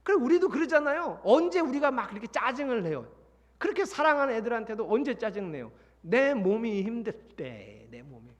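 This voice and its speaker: Middle-aged male pastor, sermon delivery, high voice, lively, long church reverb. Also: fairly quick. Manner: lively, acts out quoted voices, sings hymn lines. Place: large church sanctuary.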